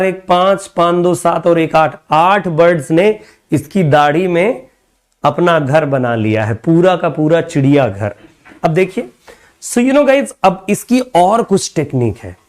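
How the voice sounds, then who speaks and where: Man, high voice, unhurried delivery, live online exam-prep lesson, mixes Hindi and English, addresses viewers as guys. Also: a little mellow. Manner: explains in mixed Hindi and English, reads lines slowly and stretched. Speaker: English literature teacher.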